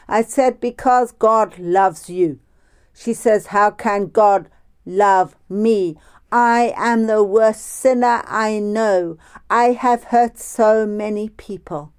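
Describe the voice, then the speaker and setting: A woman preaching by phone, telling a personal story in a slow, deliberate way. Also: a little high, darkish tone, clean tone.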